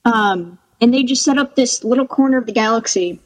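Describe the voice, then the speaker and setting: A woman's voice: fairly high pitch, brisk, poor audio. Enthusiastic woman podcast guest. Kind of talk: casual podcast chat.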